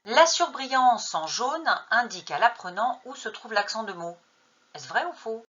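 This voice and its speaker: A woman's voice: a little high, lively intonation, moderate pace, a bit bright, husky, dull audio. A woman teacher trainer narrating a lesson, posing true-or-false questions and then answering them. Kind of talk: narrated lesson on an English textbook.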